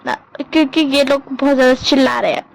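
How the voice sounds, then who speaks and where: A woman's voice: high-pitched, steady tone, fast, vocal fry, low-quality recording. A woman voicing a stern, protective young man who gives orders in a scolding way, as part of a storytelling narration. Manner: scolding, bossy.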